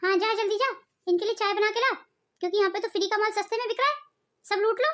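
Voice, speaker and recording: A woman voicing a sharp-tongued, scolding middle-aged mother in a cartoon family drama, speaking in a taunting way. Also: very high-pitched, quick pace. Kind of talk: cartoon voice acting.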